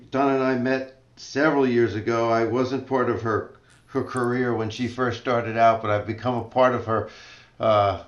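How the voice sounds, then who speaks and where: Guy hosting a casual chat show, loose and rambly, echoey room, muffled sound. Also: medium pitch. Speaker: host. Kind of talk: casual interview. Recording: roomy, dull lo-fi sound.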